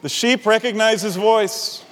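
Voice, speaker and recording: Here a middle-aged pastor with a high, unhurried voice preaches, sharing a personal anecdote with lots of animation and frequent chuckles. The recording carries the reverb of a large hall.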